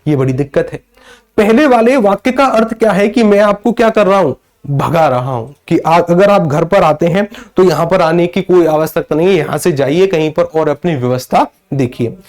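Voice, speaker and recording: A man's voice: a little high, animated, moderate pace, darkish tone. A man from northern India teaching a live online grammar class, answering his own questions and greeting viewers by name.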